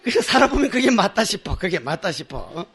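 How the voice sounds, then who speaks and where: Older monk giving a fired-up dharma talk, high voice, swings up and down a lot, acts out the people in his stories. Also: big pitch swings, quick pace, a bit bright. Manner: impassioned, emphatic. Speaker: Buddhist monk.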